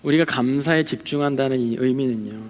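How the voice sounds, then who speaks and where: A man's voice: mid-range voice, a little fast. A young adult man, a junior pastor, giving a sermon at a young adults service. He talks conversationally, tells personal stories, and acts out quoted complaints and prayers. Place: church hall. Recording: long hall reverb.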